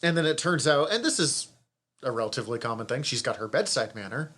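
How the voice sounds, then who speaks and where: A podcast co-host chats casually about a TV series in a review conversation, swearing freely and laughing often. His medium-pitched voice is fairly bright, expressive and fast.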